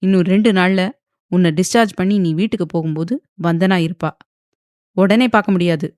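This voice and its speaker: A woman's voice: lowish voice, fairly quick, darkish tone, no room sound, studio quality, natural voice. A woman voicing a stern young man who speaks curtly and with impatience. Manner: curt and threatening.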